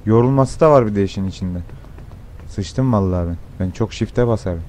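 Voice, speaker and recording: Swearing, excitable young gaming man. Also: on the low side, moderate pace, slight background noise. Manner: excitable, swears a lot, sudden shouts. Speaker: gameplay streamer. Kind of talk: profane gameplay commentary.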